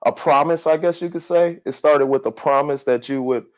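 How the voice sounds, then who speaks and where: A man in his forties hosting a podcast interview, easygoing and quick to laugh. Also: a little high. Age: 40s. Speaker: podcast host. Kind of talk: casual interview chat.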